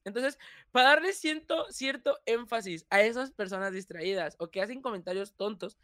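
Young Mexican man, high voice, animated and laughing, guest in a chat, dry close recording. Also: moderate pace, dry recording. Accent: Mexican Spanish. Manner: animated, laughs often, restarts phrases. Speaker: YouTuber guest. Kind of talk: casual interview chat.

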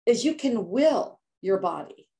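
Her voice is mid-range, sing-song and mellow, with vocal fry, and she takes her time. She is an older woman from the United States, a health coach guest in an interview, telling an emotional personal story with dramatic flair and acting out quotes through voice changes.

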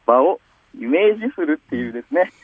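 A man over a muffled phone line, imitating a hesitant university lecturer who fills every pause with "uh". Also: on the high side, pitched below the performer's own voice. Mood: droning. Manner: filler-heavy, hesitant, monotone lecturing. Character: halting male university lecturer stuck on "uh". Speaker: caller.

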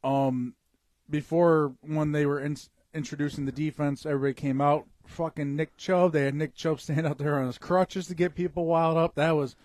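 A man co-hosts a casual sports talk show in a slightly high voice. He rambles in loose, laid-back sentences with plenty of swearing. The sound is dry and close. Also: fairly even intonation, normal speed, a little mellow, no echo. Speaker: podcast co-host.

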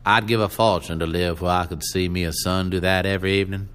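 Man voicing one-armed young drifter, nasal, firm, shrewd, low-set voice. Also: flat delivery, fast talker, fairly bright tone, clear, resonant tone. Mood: brooding.

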